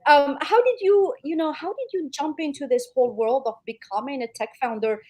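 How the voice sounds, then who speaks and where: A woman's voice: high voice, a little fast, darkish tone. A woman hosting a podcast interview, talking in an effusive, chatty way with frequent fillers. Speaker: podcast host. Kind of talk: casual interview chat.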